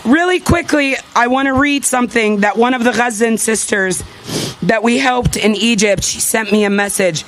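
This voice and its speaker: A woman in her thirties, her voice a little high and her pace normal, delivers a passionate, forceful activist speech to a rally audience. She repeats phrases and lets emotion drive her words. The audio is poor, with a slight hiss or hum.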